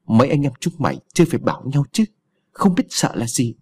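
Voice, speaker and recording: A man voicing a worn-out old peasant mother who curses and scolds rapidly, in a husky low voice. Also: lively intonation, darkish tone. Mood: scolding.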